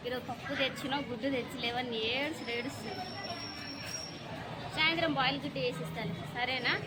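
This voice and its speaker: A woman, a mother coaxing her son while talking to a phone camera outdoors. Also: high voice. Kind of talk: casual vlog chat. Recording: loud outdoor crowd noise.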